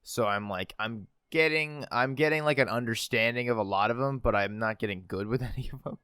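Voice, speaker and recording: A man's voice: medium pitch, fairly quick, pushed and bright, clean tone, dry recording, studio quality. A man co-hosting a podcast in casual chat, rambling with lots of fillers and laughing at himself. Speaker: podcast co-host.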